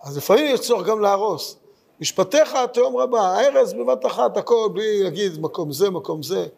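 A man's voice: sits high, expressive, vocal fry, darkish tone. A man teaching a Midrash study lesson, thinking aloud in short, searching phrases. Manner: thoughtful, searching for words, speaks in short phrases. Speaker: Torah teacher.

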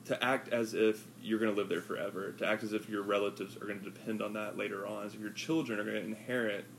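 Gravelly-voiced man chatting casually. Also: on the low side, quick pace, slight background noise, rough recording. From US West Coast. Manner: relaxed, rambling with many fillers. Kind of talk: casual chat.

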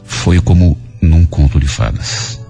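A man narrating a dramatic first-person story for radio in an expressive storytelling voice. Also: rumbling low, takes it slowly, gravelly. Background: soft music.

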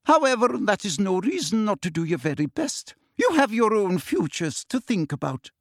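A man's voice: high-pitched, big pitch swings, moderate pace, no echo, studio quality, pitched above the performer's own voice, exaggerated voice. A man voicing a strict, severe older female professor who speaks in a clipped, formal way. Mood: stern.

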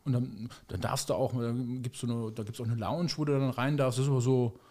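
A man's voice: mid-range voice, steady tone, fairly quick, mellow. A man co-hosting a podcast in casual chat, a rambling, sarcastic storyteller full of fillers. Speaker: podcast co-host.

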